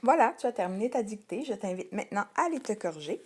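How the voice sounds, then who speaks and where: A woman teacher with a Québécois French accent gives young children a slow spelling dictation, patient and over-articulated, lingering on each word. Her mid-range voice is expressive with a darkish tone, and there's a little hiss or hum.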